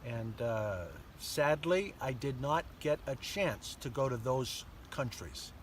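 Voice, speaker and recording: An older man, an interview guest, calmly recounting his childhood in a casual outdoor chat with measured pauses. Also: mid-range voice. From born in Germany to American parents. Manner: measured storytelling with many pauses and fillers. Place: outdoors in a sunny park by a pond. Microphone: camera mic at a distance. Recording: distant outdoor mic, faint background noise.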